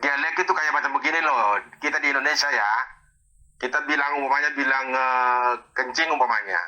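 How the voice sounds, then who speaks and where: A man's voice: mid-range voice, fairly quick, bright, forceful tone, poor audio. A man explaining Arabic verses word by word in a heated religious debate, challenging and exasperated.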